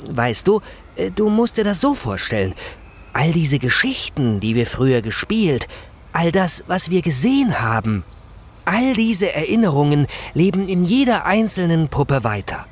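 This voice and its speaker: A man playing a kindly, nostalgic old Kasper hand puppet in a children's audio drama, with a husky voice and expressive storytelling. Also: a little high, measured pace, heavily acted. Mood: earnest.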